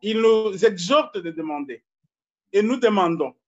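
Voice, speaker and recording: A man from Congo, a pastor preaching a sermon slowly and deliberately, repeating his key phrases. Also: sits high, lively intonation, highs cut off.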